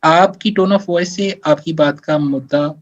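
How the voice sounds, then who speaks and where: A man's voice: on the high side, slow pace, muffled recording. A man giving career advice in a live question-and-answer workshop. He explains step by step, mixes English phrases into his speech and often checks in with "theek hai". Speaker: career advisor.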